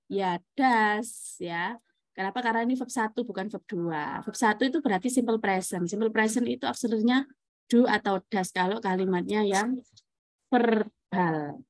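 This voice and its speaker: A woman's voice: medium pitch, moderate pace, no room sound. A woman teaching an English grammar class over a video call, chatty, laughing often and answering her own questions. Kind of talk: online class explaining grammar.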